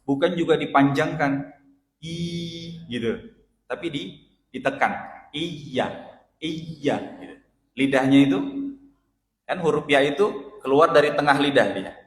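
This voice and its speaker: A male ustadz teaching Quran recitation in a mosque study session, patiently correcting pronunciation and chanting Arabic phrases slowly. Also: medium pitch. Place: mosque hall. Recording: echoey mosque hall, roomy reverb.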